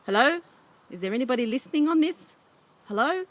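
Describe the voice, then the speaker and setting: A woman voicing a panicked young boy alone in a plane, pleading and shouting in a raised voice. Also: medium pitch, moderate pace, lightly acted.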